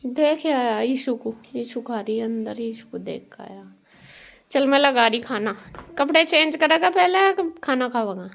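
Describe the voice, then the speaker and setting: A woman's voice: on the high side, expressive, unhurried, creaky, a bit bright. A woman, a mother chatting and teasing her kids while serving food at home for a vlog. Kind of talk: casual home vlog chat. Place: family home kitchen.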